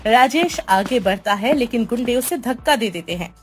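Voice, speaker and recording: A woman narrating a cartoon family story in an even storybook manner. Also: a little high, normal speed, soft background music.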